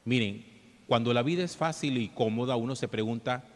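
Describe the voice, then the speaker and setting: Male priest, scripture and homily delivery, measured solemn manner, cathedral echo with long reverb. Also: mid-range voice. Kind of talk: Gospel reading and homily. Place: large church interior.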